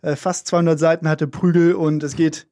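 A man's voice: on the high side, little pitch movement, fairly quick, warm tone, no room sound, clean studio sound. A young man co-hosting a casual radio show, talking with many fillers and a wry, self-mocking manner. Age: young adult. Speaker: radio co-host.

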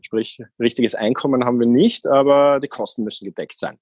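A man in his thirties tells his story as a podcast guest, circling back with fillers and restarts. His voice is a bit husky, recorded dry and close with no room sound. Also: mid-range voice, a little fast, a little mellow, no echo. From Austria. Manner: rambling, many fillers and restarts. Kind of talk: casual podcast interview.

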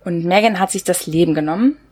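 A woman casually reviewing a novel, chatty and lively, talking through its characters and reading excerpts aloud. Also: lowish voice, quick pace, breathy edge. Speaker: book reviewer.

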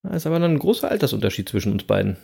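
Lively, playful man in his thirties. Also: medium pitch, rapid-fire, gravelly, husky. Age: 30s. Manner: playful, teasing, laughs often. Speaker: podcast co-host. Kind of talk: casual chat.

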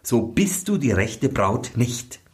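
A man's voice: medium pitch, big pitch swings, slow. A man voicing a young prince who questions firmly and insists. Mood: suspicious.

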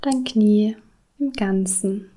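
Slow, soothing woman guiding meditation. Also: mid-range voice. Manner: slow, soothing, with soft breathy whispered words. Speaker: meditation guide. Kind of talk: guided body scan meditation.

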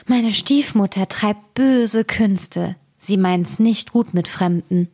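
A woman's voice: medium pitch, slow, a little mellow, slightly rough. A woman reading a storybook, voicing a sad young girl who warns the travellers. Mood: warning. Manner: sad, warning.

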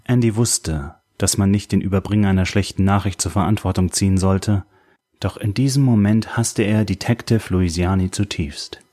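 A man calmly narrating a novel as an audiobook reader. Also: low-pitched, moderate pace, soft background music. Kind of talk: scripted narration.

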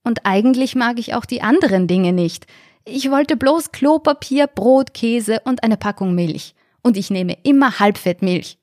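A woman's voice: medium pitch, normal speed, hardly any pauses, a little mellow, no echo, studio quality, lightly acted. A woman voicing an annoyed young woman shopper who speaks indignantly. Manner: indignant, raised voice.

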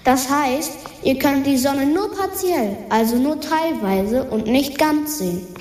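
A woman's voice: high-pitched, unhurried, darkish tone. A woman voicing a cheerful, chatty female dwarf planet who talks to earthlings in a children's radio science sketch, with an echoing space effect on her voice. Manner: cheerful, calls listeners earthlings. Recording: reverb-soaked echoey voice effect.

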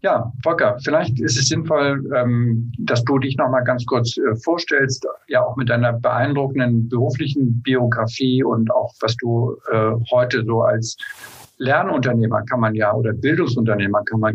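Moderator, Mann, leicht heisere Stimme, fragt per Videocall, freundlich und tastend. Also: male voice, mid-range voice, steady tone, normal speed, husky, lo-fi sound. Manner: friendly, searching phrasing with fillers. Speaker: podcast host. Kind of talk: video call interview. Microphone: video call.

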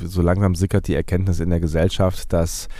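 Male podcast host, very deep pitch, mellow tone, blocked nose from a cold, halting casual chat, stammered restarts. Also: flat delivery, no room sound. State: congested with a cold, blocked nose, sore throat.

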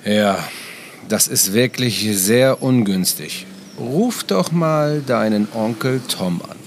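A man plays a gentle father in a children's audio story. He talks softly and without hurry, hesitating a little as he reassures and advises. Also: medium pitch, animated, takes it slowly, a little hiss or hum. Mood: calm, advising. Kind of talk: children's educational audio play.

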